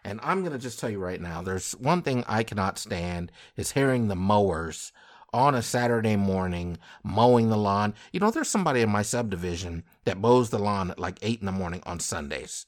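Man, podcast host, lowish voice, rambling, mock-indignant, casual banter. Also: animated, normal speed.

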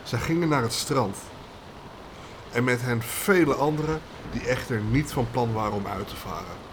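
A man's voice: mid-range voice, moderate pace, noisy background. Man reading a tale, matter-of-fact. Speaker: podcast co-host, storyteller. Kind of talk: reading a folk tale aloud with banter.

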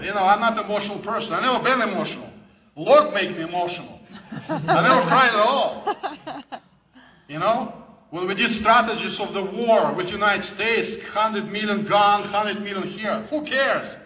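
A man with a Russian accent delivers an impassioned, sermon-like speech, hammering his points home through repetition. His voice is high and bright, cutting and forceful. It rings out through a meeting hall with a long, echoing reverb. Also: brisk. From Soviet Union. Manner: fervent, preaching, repeats phrases for emphasis. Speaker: guest speaker. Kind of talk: impassioned speech to a live audience.

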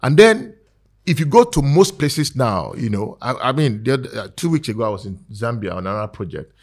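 A man's voice: mid-range voice, very animated, fairly quick. A man with a Nigerian accent, speaking as a guest in a casual talk-show discussion, earnest and persuasive, with many fillers and restarts. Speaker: guest advocating for skit makers.

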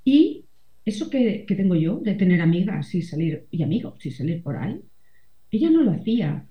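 A woman's voice: fairly low pitch, very animated, moderate pace. A middle-aged woman, a columnist and mother, talking reflectively in an interview and often adding tag questions. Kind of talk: conversational interview. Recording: roomy, slightly dull sound.

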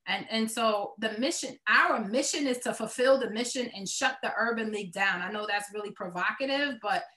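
A woman's voice: mid-range voice, normal speed, bright, forceful tone, rough recording. A woman with a Brooklyn accent answering interview questions as a nonprofit executive, earnest and emphatic, repeating words to drive a point home. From Brooklyn, New York, United States.

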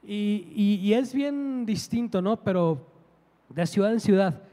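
Emphatic male preacher, very high pitch, reverberant church hall. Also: lively intonation, unhurried. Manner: storytelling, emphatic, rising to loud preaching. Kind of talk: sermon.

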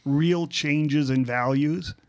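A man's voice: a little high, slow. A man hosting a podcast in casual chat, explaining things in a wry way. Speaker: podcast host.

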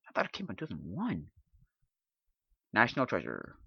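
A man hosting a podcast in casual chat, rambling and halting as he thinks aloud. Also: lowish voice, wildly swooping pitch, gravelly, breathy edge, dry recording. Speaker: podcast host. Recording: dull lo-fi dry sound.

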